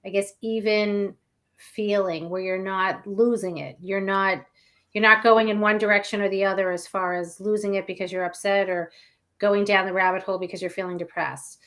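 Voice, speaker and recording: A woman's voice: medium pitch, fairly even intonation, moderate pace, fairly bright tone. A woman co-hosting a live show as a meditation facilitator, chatting casually.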